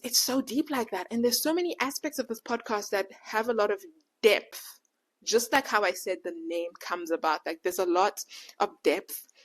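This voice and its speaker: A woman in her late twenties who says w for r, speaking as a podcast host in casual, animated personal reflection with slangy retold dialogue. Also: medium pitch. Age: late 20s. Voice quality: can't pronounce R, says w for r.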